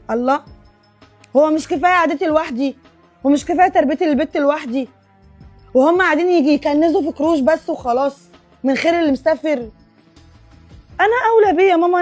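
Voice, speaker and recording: A woman's voice: sits high, a little mellow, lightly acted. A woman with an Egyptian accent playing a spiteful, greedy wife who talks scornfully and boastfully on the phone. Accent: Egyptian Arabic.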